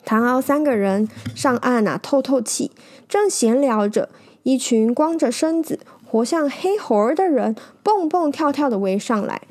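A woman narrates a storybook tale for listeners in a lively, animated manner. Her voice is high, and she slips in small fillers as she reads. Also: unhurried.

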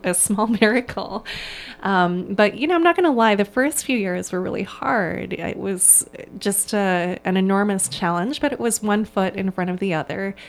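A medium-pitched woman in her thirties from Hong Kong, who owns a yoga studio, answers interview questions. She sounds eager and earnestly enthusiastic, with a few ums and restarts.

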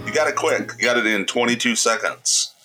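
A man's voice: medium pitch, brisk, over music, low-quality recording. A man co-hosting a podcast in casual chat, playful and laughing often as he quizzes his co-host.

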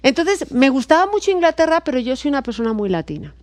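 A woman's voice: high-pitched, fast talker, no echo. A middle-aged woman from Spain with a Spanish accent, a guest psychologist telling stories expressively in casual podcast chat. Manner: lively, expressive storyteller, laughs often.

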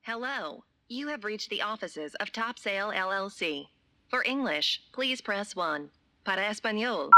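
A woman voicing an automated office phone menu, with a measured, polite, impersonal delivery. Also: medium pitch, pushed and bright. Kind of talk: recorded phone menu announcement.

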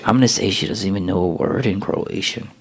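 A man's voice: sits low, brisk, gravelly. A man co-hosting a casual radio show, bantering, teasing and reading things out in a joking way.

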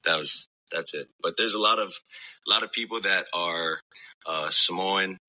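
A man who grew up in Hawaii, answering an interview question with hesitant, halting speech. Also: low voice, sharp tone, rough recording. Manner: hesitant, many ums and restarts. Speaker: interviewed athlete.

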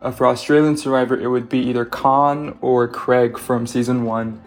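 Man, voicemail, middle pitch, thoughtful, guitar music behind. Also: fairly even intonation, moderate pace. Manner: thoughtful, hedging choices. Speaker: caller leaving a voicemail.

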